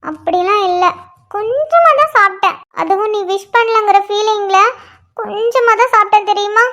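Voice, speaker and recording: A woman's voice: extremely high pitch, normal speed, pushed and bright. A woman voicing a young wife in a cartoon, whiny and tearful at times, bubbly and delighted at others. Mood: happy. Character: young wife, emotional, sulky then joyful. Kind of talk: cartoon dialogue voice acting.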